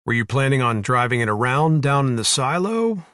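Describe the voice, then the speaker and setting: A man's voice: medium pitch, very animated, normal speed, fairly bright tone, no echo, pitched above the performer's own voice. A man voicing a tough ex-soldier in an audiobook, blunt and teasing in a dry way. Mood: wry teasing. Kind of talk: audiobook character voice.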